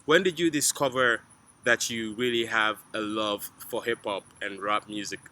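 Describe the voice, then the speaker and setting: A man hosting an interview, asking smooth, prepared questions. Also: fairly low pitch, steady tone, normal speed, pushed and bright, a little hiss or hum. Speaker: interviewer host.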